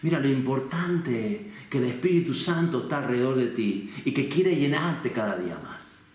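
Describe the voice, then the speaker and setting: A man's voice: medium pitch, expressive, normal speed. A man from the Canary Islands, preaching an earnest, personal sermon from his home with many rhetorical questions. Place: room at home. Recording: very echoey room.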